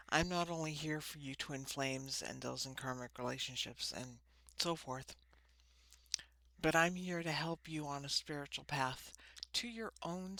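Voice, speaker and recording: Lady w a lisp, slushy s's, deep-ish voice, chatty spiritual vlog, really dry sound. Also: a bit bright, dry recording. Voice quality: lisping, slushy sibilants from ill-fitting dentures. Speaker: host of a spiritual card-reading channel. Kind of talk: informal spiritual talk to camera. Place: small room.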